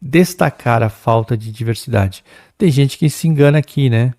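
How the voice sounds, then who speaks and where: A middle-aged Brazilian man teaching an exam-prep English lesson, chatty and lively, reading English passages aloud slowly. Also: medium pitch, no echo, clean studio sound.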